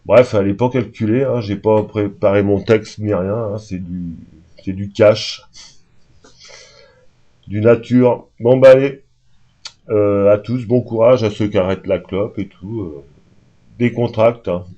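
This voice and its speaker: A man's voice: lowish voice, fairly even intonation, measured pace, pauses often, mellow. A man talking casually and unscripted to camera, rambling and hesitant with lots of fillers, only just awake. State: just woken up. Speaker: vlogger. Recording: dull lo-fi home recording.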